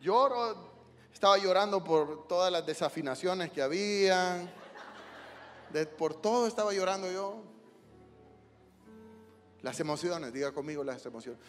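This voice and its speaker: Male pastor, high voice, passionate sermon delivery, reverberant church hall, faint music underneath. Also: measured pace, pauses often. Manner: emotional preaching, swinging from soft to shouting. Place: church sanctuary.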